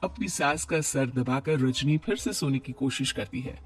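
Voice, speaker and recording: A man narrating a cartoon story in a measured storytelling manner. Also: mid-range voice.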